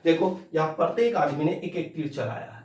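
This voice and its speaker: A man teaching a math lesson, repeating each point slowly and telling students to listen closely. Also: fairly high pitch, expressive, a little mellow, roomy sound, far from the mic. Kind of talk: classroom lecture.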